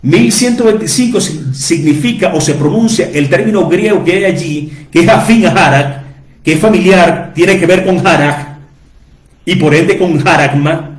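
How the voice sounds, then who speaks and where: Emphatic preacher, high voice, echoey. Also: male voice, moderate pace. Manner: repetitive, emphatic, rhetorical questions. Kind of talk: Bible teaching monologue.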